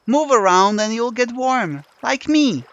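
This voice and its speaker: A man's voice: extremely high pitch, animated, measured pace, a bit bright, no echo, lo-fi sound, pitched above the performer's own voice, heavily acted. A man voicing a playful, mischievous catgirl with cat ears and a tail in an audiobook reading. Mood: teasing. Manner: teasing, sly. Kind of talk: audiobook character voice.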